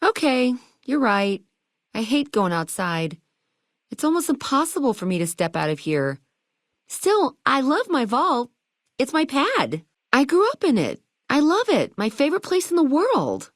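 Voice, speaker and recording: Earnest and fond in mood, a bubbly, high-pitched young video game shopkeeper talks a little slow with wildly swooping pitch, retro slang, and a sassy, theatrical, exaggerated voice. It's a close, dry recording with no echo.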